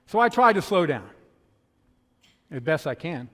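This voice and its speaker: A male pastor from the northern United States preaching a sermon in a quick, conversational storytelling way, with a slight lisp on his s sounds. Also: fairly high pitch, big pitch swings. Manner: fast-talking, conversational storytelling. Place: church sanctuary. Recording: long hall reverb.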